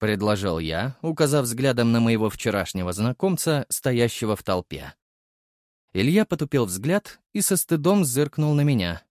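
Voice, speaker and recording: A male audiobook narrator telling a first-person story with lively delivery. His pitch swings widely around a middle register. The recording is dry and close, with no room sound. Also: moderate pace, dry recording.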